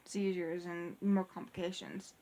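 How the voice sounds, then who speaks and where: Speaking at a measured pace, this young woman has a warm, level voice on the low side. She's a young adult vlogger chatting casually in a couple's vlog, rambling and full of restarts and fillers.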